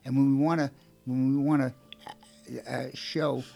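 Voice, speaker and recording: A man with a Brooklyn accent and a gravelly voice, chatting casually about faith as a co-host. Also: medium pitch, little pitch movement, measured pace, dark tone. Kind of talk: casual religious chat.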